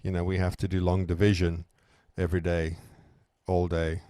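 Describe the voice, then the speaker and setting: Deep-voiced man co-hosting a talk show. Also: monotone, moderate pace, mellow, no echo, clean studio sound. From South Africa. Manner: thoughtful, with frequent restarts. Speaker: podcast co-host. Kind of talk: conversational discussion.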